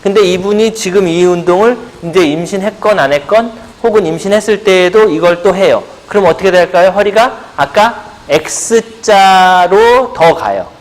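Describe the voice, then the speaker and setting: His voice sits high and moves at normal speed with few pauses: a middle-aged pilates instructor lecturing a seminar room. He asks the audience questions, supplies the answers himself, and makes playful buzzer sounds.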